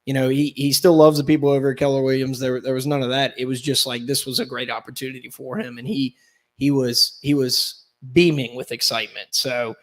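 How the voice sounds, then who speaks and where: Upbeat guy hosting a sports podcast, quick bursts, casual. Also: mid-range voice, fairly even intonation. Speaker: podcast host.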